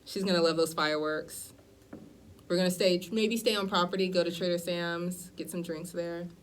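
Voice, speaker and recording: A woman's voice: lowish voice, steady tone, normal speed, a little hiss or hum. A woman hosting a podcast chat, asking questions and agreeing often in a supportive way. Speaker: podcast host.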